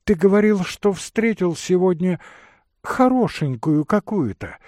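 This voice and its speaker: A man's voice: sits high, lively intonation, measured pace, darkish tone, no room sound, clean studio sound, pitched above the performer's own voice. A man reading an audiobook, voicing an impatient wife who cuts her husband off sharply, in a raised voice. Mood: irritated. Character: irritable wife of the old man. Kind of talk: audiobook character voice.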